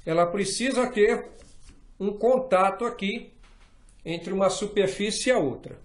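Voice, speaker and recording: This middle-aged Brazilian man's voice sits high, and he keeps a measured pace as he patiently, methodically shows how to build a fly rod, regularly checking in with viewers while he works. The hands-on tutorial takes place in a small indoor workshop room that echoes, with him far from the mic.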